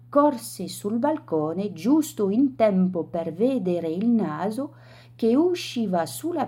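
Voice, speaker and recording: A woman reading a children's story aloud in a slow, deliberate storytelling manner. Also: mid-range voice, mellow, slightly rough.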